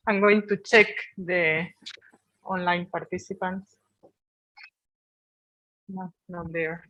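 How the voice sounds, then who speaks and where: A session chair moderating questions at an academic workshop in a relaxed, soft-spoken way. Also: mid-range voice, extremely slow, pauses often, highs cut off.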